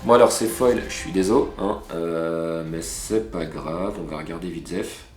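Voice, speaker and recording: A man's voice: sits low, moderate pace, slight background noise. A man hosting a card-opening video, chatting casually to viewers and exclaiming over each pull. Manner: excitable, exclaiming over cards, chatty asides. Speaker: host opening trading card packs. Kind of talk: casual unboxing chat to viewers. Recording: roomy room with background music.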